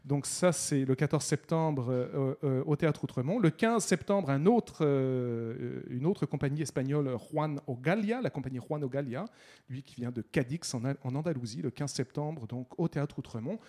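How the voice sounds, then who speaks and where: A man, chatting casually on the radio and halting often with restarts as he promotes events. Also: mid-range voice, warm tone. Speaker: festival guest columnist.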